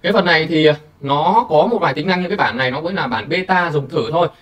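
Chatty man walking through software. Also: a little high, fast talker, distant mic. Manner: chatty, filler-heavy, addresses viewers directly. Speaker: tutorial host. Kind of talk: screen-recorded software tutorial.

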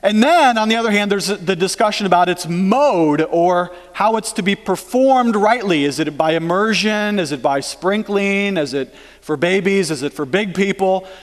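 A man's voice: high-pitched, moderate pace. A middle-aged man preaching a sermon as pastor, conversational and emphatic, often asking the congregation questions. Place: church sanctuary. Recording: long church reverb.

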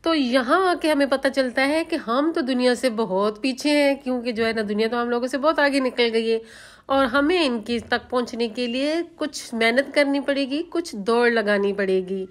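A woman's voice: a little high, moderate pace. A woman vlogger from Pakistan, narrating her outing in a chatty, homely voice-over. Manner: chatty, homely, leans on filler phrases.

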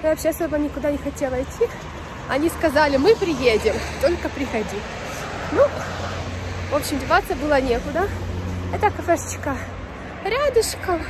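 Filming on a phone held at arm's length, a young adult woman vlogs while walking outdoors along a busy city street, sniffly from a cold and a runny nose. Her high-pitched chatter is relaxed and informal, and the traffic around her is clearly audible.

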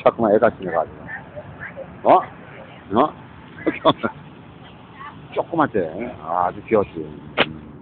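A man's voice: fairly low pitch, very animated, slow, long pauses. A man in his fifties talking in a rambling monologue, mixing English words into his speech and often adding tag questions. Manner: rambling, muttering asides. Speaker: street preacher livestreamer. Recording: tinny phone-like lo-fi audio with faint noise.

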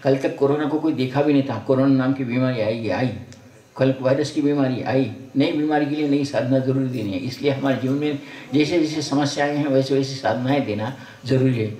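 An older man who is a spiritual teacher gives a folksy sermon to a gathering, alternately blessing and scolding them. His medium-pitched voice is mellow and a little fast. The recording sounds roomy, captured far from the mic.

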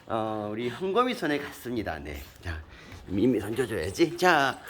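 A man's voice: medium pitch, wildly swooping pitch, moderate pace, a little hiss or hum. A man narrating his dogs in a jokey play-by-play commentator style, then scolding them at home. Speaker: pet vlogger. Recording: loud dogs barking in the background.

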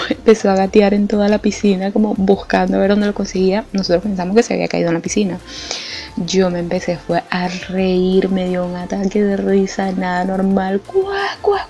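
A young Venezuelan woman telling a funny anecdote in a lively, colloquial way, laughing often. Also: medium pitch. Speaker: art vlogger. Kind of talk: casual storytelling. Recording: slightly muffled with faint music. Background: faint background music.

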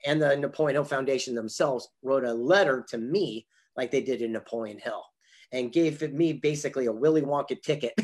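A motivational speaker and author in his fifties, guesting in an online interview, tells anecdotes emphatically in a husky, mid-range voice and acts out the exchanges. He's in an indoor home office with memorabilia on the wall, recorded via a computer mic on a video call.

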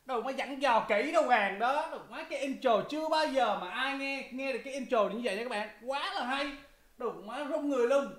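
A man's voice: very high voice, fairly quick, a bit bright, a little hiss or hum. A man hosting a reaction video, exclaiming often, laughing and repeating lines from a rap song. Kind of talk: excited reaction commentary. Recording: echoey room with music playing. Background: hip hop music.

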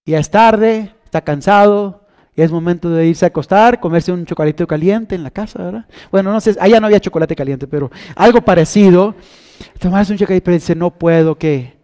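Pastor guy preaching, kinda high voice, keeps asking the church questions, goes quiet then loud. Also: fairly quick. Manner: call-and-response questions to the congregation; swings from hushed, low lines to loud, stretched calls. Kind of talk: sermon.

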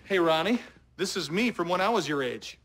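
A man's voice: sits high, expressive, a little fast, fairly bright tone, slight background noise. An actor playing a busy, forgetful grown-up rich father in a TV sitcom, with a breezy delivery. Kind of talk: TV sitcom acting.

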